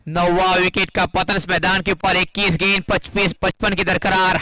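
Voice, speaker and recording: An Indian man giving excited live cricket commentary in a dramatic, emphatic manner. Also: sits high, normal speed, poor audio. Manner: dramatic, emphatic, rising into exclamation at key moments.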